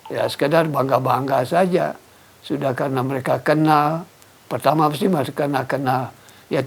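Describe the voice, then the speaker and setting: A middle-aged man with a slightly raised pitch talks through a tradition in an interview. He stops often to grope for the right word and lets his phrases trail off. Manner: halting, searches for words, trails off. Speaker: cultural informant. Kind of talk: unscripted explanatory interview.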